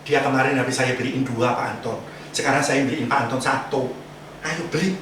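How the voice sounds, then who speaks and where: A man's voice: mid-range voice, brisk, background noise. A man preaching a sermon in a casual, chatty way, slipping into slang asides and acting out voices he quotes. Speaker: pastor. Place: church sanctuary. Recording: echoey church hall miked from a distance.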